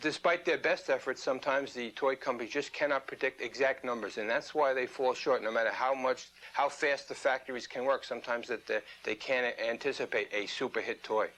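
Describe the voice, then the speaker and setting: A man's voice: mid-range voice, fairly quick, few pauses, fairly bright tone. A man giving an interview comment as a magazine editor. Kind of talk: interview soundbite.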